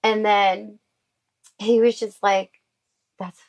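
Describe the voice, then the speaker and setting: In a low-quality recording, a woman being interviewed casually shares her personal story at a moderate pace and medium pitch. She speaks emotionally, using lots of fillers and saying "like" often.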